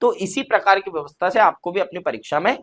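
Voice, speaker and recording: A man's voice: high-pitched, lively intonation, fast talker, a bit bright. Man teaching an exam-prep lesson. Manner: explains step by step, asks and answers his own questions.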